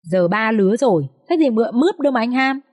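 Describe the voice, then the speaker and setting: Woman playing a clingy young mistress in a storybook, pleading, breathy, pitched up. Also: lively intonation, fast, a little mellow. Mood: jealous.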